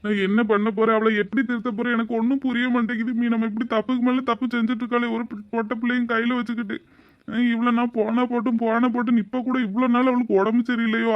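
Brief: a wronged young husband in a cartoon, high-pitched and rapid, complaining. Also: male voice, level tone, no room sound, highs cut off. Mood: aggrieved. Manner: complaining, aggrieved, rhetorical questions. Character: exasperated young husband, wronged and self-pitying.

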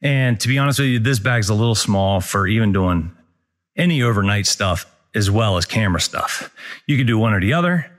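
A man in his forties with a lowish, brisk voice records himself on a wooded trail, reviewing a hiking backpack for a laid-back gear vlog. The audio is picked up by an action camera held at arm's length. As an outdoor gear reviewer, he keeps things relaxed and conversational, with many fillers.

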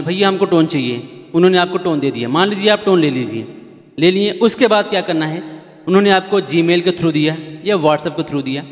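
A man's voice: sits high, in a large hall. A man hosting a casual how-to keyboard tutorial, chatty and repetitive, often asking viewers to keep watching. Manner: chatty, repeats points, pleads with viewers.

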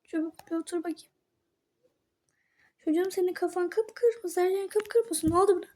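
A woman's voice: extremely high pitch, normal speed, mellow. Woman playing an exasperated schoolteacher. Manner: scolding, exasperated.

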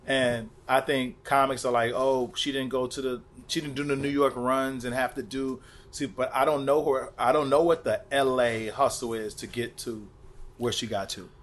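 A male stand-up comedian from Chicago chats casually on a podcast, animatedly telling road stories and acting out crowd voices. He has a mid-range voice and speaks at a moderate pace.

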